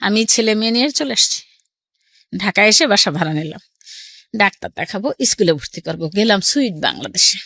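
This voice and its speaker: This interview features a middle-aged woman with a Bangladeshi accent sharing her personal story, animated as she quotes what others said. Her mid-range voice runs a little fast, captured in studio quality with no echo.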